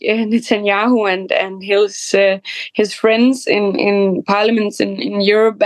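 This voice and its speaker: A woman's voice: mid-range voice, dry recording. A woman from Denmark with a Danish accent, giving hesitant, conversational political commentary as a panel guest. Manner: hesitant, halting.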